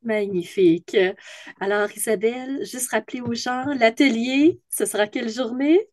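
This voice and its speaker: A woman's voice: on the high side, moderate pace, darkish tone, no room sound, clean studio sound. A woman from North America with a Québécois accent, hosting a video-call interview in an enthusiastic, emphatic manner. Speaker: host.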